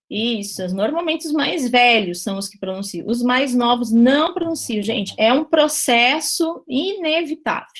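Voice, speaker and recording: A Brazilian woman, a Portuguese language teacher, giving a chatty class and often checking in with her students with little tag questions. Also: high voice. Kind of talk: online class lecture.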